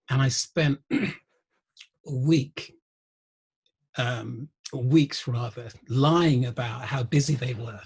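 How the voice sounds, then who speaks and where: A middle-aged man, a guest musician and researcher, telling wry anecdotes in an interview, often pausing with ums. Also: mid-range voice, creaky, darkish tone, slightly rough. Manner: anecdotal, wry, laughs through stories, frequent ums. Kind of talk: conversational interview storytelling.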